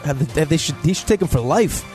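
A man co-hosting a sports radio show, cracking quick jokes and needling his partner. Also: on the high side, lively intonation, darkish tone, faint music behind. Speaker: radio co-host.

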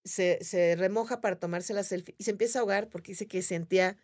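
A woman's voice: mid-range voice, quick pace. A woman with a Mexican accent telling a story in casual conversation, acting out the voices of the people in it. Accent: Mexican Spanish. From Mérida, Mexico. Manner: animated, acts out voices of others in her story. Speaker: podcast guest.

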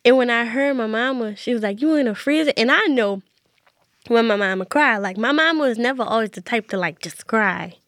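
Young woman, slightly high voice, casual storyteller, dry close sound. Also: brisk, no room sound. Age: young adult. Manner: casual, quoting herself in a hushed voice. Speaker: interview guest. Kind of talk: storytelling in conversation.

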